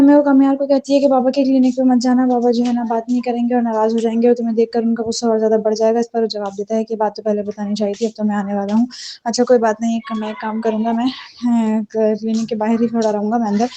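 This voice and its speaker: A woman with a somewhat high, warm and mellow voice tells the story of a TV drama episode in a loose, conversational way. She reads out the characters' lines in her own voice and keeps a flat, level delivery throughout. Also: a little hiss or hum. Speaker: drama recap reviewer. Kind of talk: casual spoken retelling of a TV drama episode.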